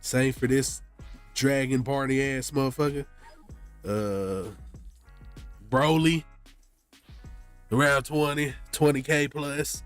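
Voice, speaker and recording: A man with a mid-pitched, congested voice chats to his stream viewers while sick. His talk is casual and slangy, peppered with "bro", and faint music plays behind him. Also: slow pace, pauses often, smooth. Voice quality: congested, stuffy nose. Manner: slangy, often says "bro". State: sick with a blocked nose. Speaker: game streamer.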